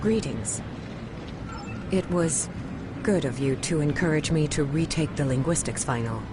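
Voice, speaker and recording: Woman acting as young female Vulcan cadet, low voice, precise, emotionless, game dialogue, noisy outdoor ambience. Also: measured pace. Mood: cool, composed. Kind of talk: video game character dialogue.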